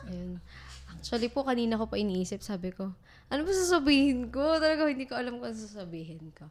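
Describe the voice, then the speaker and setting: A woman's voice: medium pitch, expressive, quick pace, a little mellow. Polite, hesitant young Filipina woman. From Philippines. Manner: polite, hesitant, mixes in English. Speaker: guest sharing testimony. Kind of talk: casual faith sharing.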